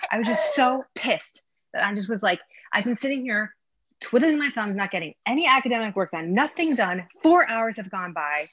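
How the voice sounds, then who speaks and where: A woman's voice: fairly high pitch, expressive, moderate pace, fairly bright tone, no echo, dull audio. A woman in her thirties, a doctor, telling a frustrating story in a rambling, exasperated way with many restarts. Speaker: coaching client, physician. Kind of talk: emotional casual storytelling.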